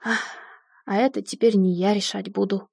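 A fussy middle-aged company director, as a woman reads him in an audiobook, talking in an oddly gentle, fretting way. His voice sounds husky and dark, with a close, dry sound. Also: on the high side, fairly even intonation, normal speed, dry recording, close to an everyday voice. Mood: fussy, uneasy.

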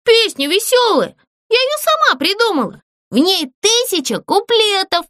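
A woman voicing a vain, showy female doll actress with a shrill, theatrical manner. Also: very animated, unhurried, a bit bright, no room sound, clean studio sound, full character voice. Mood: pleading.

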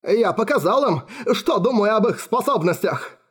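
A man's voice: high-pitched, sing-song, moderate pace, pitched above the performer's own voice. A man voicing a sneering, unhinged young madman. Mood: gloating. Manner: sneering, maniacal. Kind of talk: audiobook character voice.

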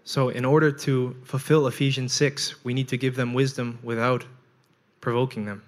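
A man's voice: mid-range voice, level tone, normal speed. Earnest young preacher man. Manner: earnest storytelling, short phrases. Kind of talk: sermon with live interpretation.

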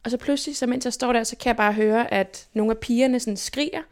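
Creaky young woman telling a story. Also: on the high side. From Denmark. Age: young adult. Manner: lively, animated retelling with quoted inner speech. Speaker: guest. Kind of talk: casual personal storytelling.

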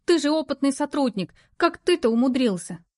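A woman voicing a stressed young office worker who sounds indignant and pleading, turning shrill when upset. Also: animated, fairly quick, darkish tone, dry recording, studio quality. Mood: exasperated.

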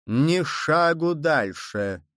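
A man voicing a cunning, smooth male churchman who speaks forcefully, then in a sly, lowered way. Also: animated, a little slow, no room sound, studio quality. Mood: shouting.

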